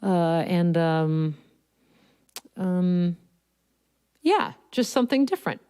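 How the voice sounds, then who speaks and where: In a recording studio, a woman hosts a livestream between songs, talking enthusiastically about songwriting craft and humming melody snippets or singing lines to illustrate. Her voice is lowish, animated and mellow, with a slow pace. A studio mic at the piano captures her clearly over piano playing.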